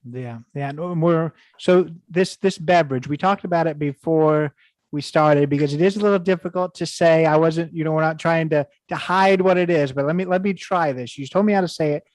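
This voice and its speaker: A man's voice: on the high side, fairly quick, dry recording. A man hosting a casual podcast interview, rambling and hesitant with many false starts. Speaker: podcast host.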